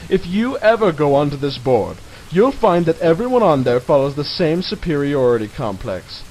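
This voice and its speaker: A man's voice: fairly high pitch, sing-song, normal speed, a little mellow. A man giving a mock-dramatic reading of a satirical article in a theatrical, mocking manner, as narrator. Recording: hissy, noisy home recording.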